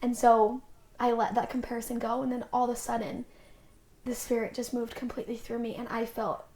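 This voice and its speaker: A woman's voice: on the high side, level tone, a little fast, a little mellow. A young woman in her twenties, a podcast guest telling stories casually, often saying "like" and acting out what others said. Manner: chatty, acts out quoted dialogue; frequent filler "like".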